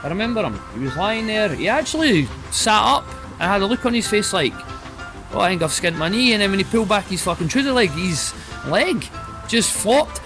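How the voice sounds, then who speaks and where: A man's voice: sits high, big pitch swings, a little fast, music in the background. A man in his thirties with a broad Scottish accent, telling stories casually in sweary, colloquial speech. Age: 30s. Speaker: video reviewer and vlogger. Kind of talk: casual anecdote and film chat.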